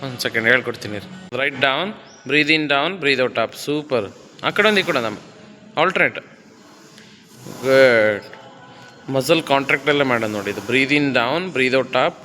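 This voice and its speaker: A man's voice: mid-range voice, pushed and bright, long reverb tail. A man working as a fitness trainer, counting reps and coaxing and teasing his client through a workout in a gym. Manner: counts reps, coaxes and teases the client playfully.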